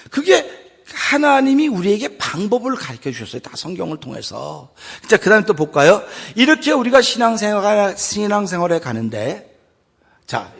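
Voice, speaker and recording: A middle-aged male pastor preaching a dramatic sermon in a church, dropping to a hushed voice for acted prayers and rising to loud exhortation. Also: sits high, slightly rough. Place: church sanctuary.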